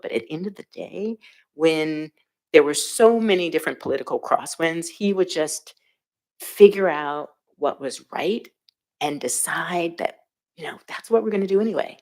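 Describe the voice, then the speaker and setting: A woman speaking on a panel, telling a reflective story about a former mentor, with frequent pauses and fillers. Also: sits low. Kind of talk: panel discussion.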